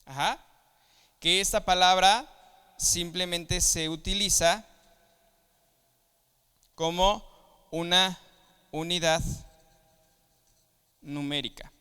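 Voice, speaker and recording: Bright, reverberant male Bible teacher. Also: sits high, slow pace, pauses often, clear, resonant tone. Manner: explains step by step, checks with listeners. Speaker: preacher. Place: church hall. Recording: long hall reverb.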